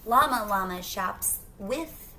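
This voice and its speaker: A bright-voiced woman, mid-range in pitch, reads a picture book aloud to children in a small room at home, with a little hiss or hum in the background. She is a teacher, and her reading is expressive, drawing out rhyming phrases, asking the listeners questions, and dropping casual asides to the young audience.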